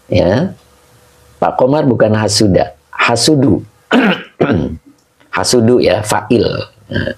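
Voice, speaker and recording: A man teaching a religious text in a live lesson, slowly explaining Arabic grammar and greeting viewers by name. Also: low voice, husky, poor audio. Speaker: Islamic teacher. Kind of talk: live-streamed kitab study lesson.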